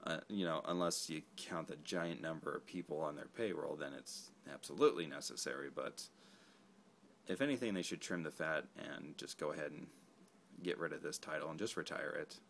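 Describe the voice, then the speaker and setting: A man's voice: a bass voice, brisk, vocal fry, fairly bright tone, slight background noise. A man casually reviewing an action figure, rambling and correcting himself as he goes. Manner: rambling, self-correcting, laid-back. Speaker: toy reviewer.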